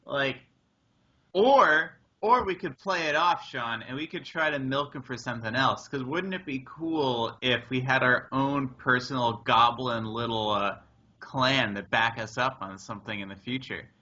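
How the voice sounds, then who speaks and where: Man player, very bright and forceful voice, eager chatty banter, lo-fi sound. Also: mid-range voice, a little slow. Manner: eager, chatty, laughs often. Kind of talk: casual tabletop game banter.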